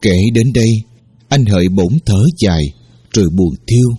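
A man narrating a story in a steady, measured way. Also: lowish voice, slightly rough, no room sound, soft background music. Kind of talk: scripted narration.

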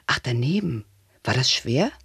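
A man's voice: medium pitch, very animated, a little slow, vocal fry, fairly bright tone, husky, no room sound, clean studio sound, voice pushed down, exaggerated voice. A man voicing a small boy who eagerly asks his father questions, in an audiobook reading. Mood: curious.

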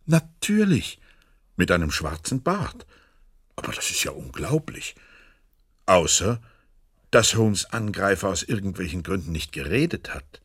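A flustered gentleman doctor in a radio play. His low voice is husky and rises and falls expressively. He stammers and questions, incredulous and unsure of himself. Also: sing-song, a little slow, pauses often, heavily acted. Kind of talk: German radio drama acting.

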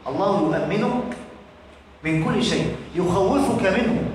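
Fast-talking Egyptian man preaching in an echoing hall. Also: sits high, slight background noise. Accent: Egyptian Arabic. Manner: poses rhetorical questions to the audience and answers them himself; emphatic, with a colloquial preaching delivery. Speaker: religious teacher. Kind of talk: religious lesson. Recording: echoey hall from far off.

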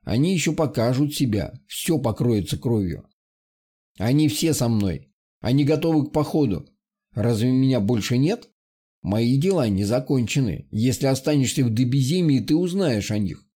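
A man voicing a grim, vengeful male villain who speaks in a rough, slow growl, for an audiobook. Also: medium pitch, expressive, dark tone. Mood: gloating. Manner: slow, threatening, curt. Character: grim vengeful exiled male ruler, menacing.

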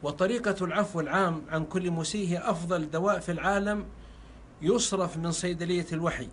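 A man's voice: high-pitched, fast, a little hiss or hum. A man delivering a fervent sermon, repeating phrases for emphasis. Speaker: preacher.

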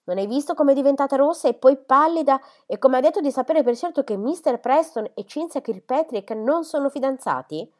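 A woman's voice: high voice, expressive, brisk, few pauses, a little mellow, voice pushed up. A woman voicing a stern, disapproving older spinster who speaks in an admonishing, authoritative way.

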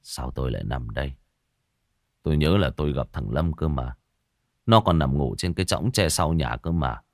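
A man voicing a wealthy, short-tempered old man who speaks gruffly and barks orders. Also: a bass voice, lively intonation, moderate pace, no echo, clean studio sound, voice pushed down. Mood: confused.

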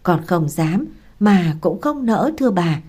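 Loyal young manservant read by a woman, respectful, deferential, lowish voice. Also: expressive, measured pace, dark tone, husky.

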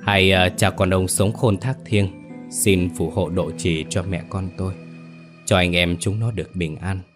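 A man's voice: sits low, steady tone, measured pace, music in the background. A man voicing an anxious, stubborn elderly village grandmother in a spoken ghost story. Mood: pleading. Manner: fretful, insistent.

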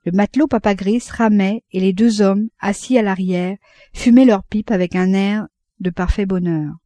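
Mellow-voiced woman reading an audiobook. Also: medium pitch, fairly even intonation, no room sound. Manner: measured, unhurried literary reading. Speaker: audiobook reader. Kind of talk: audiobook narration.

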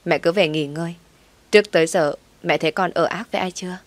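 Coldly calm wronged wife , read by a woman, low voice, dry sound. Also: fast talker, no room sound, natural voice. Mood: cold, firm. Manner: calm and firm.

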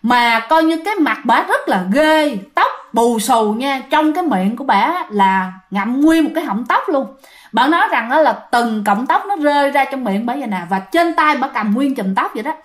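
A woman's voice: sits high, lively intonation, normal speed. A woman telling a ghost story in a chatty way, speaking straight to her listeners. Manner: chatty, addresses listeners directly.

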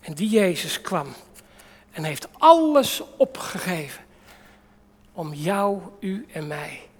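A man preaching a sermon dramatically, acting out quotes with sudden shifts between soft and loud. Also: sits high, sing-song, takes it slowly. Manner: dramatic, with acted-out quotes and big swings in loudness. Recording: long reverb of a large hall.

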